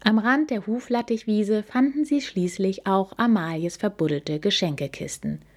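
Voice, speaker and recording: A woman narrating a children's story in a gentle, even storytelling manner. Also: medium pitch, moderate pace.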